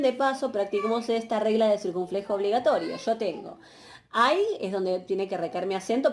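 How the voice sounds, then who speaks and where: A woman giving a patient, explanatory university lecture, often pausing on fillers and checking questions. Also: medium pitch, darkish tone. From Argentina. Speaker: university Greek teacher. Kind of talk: recorded online lecture.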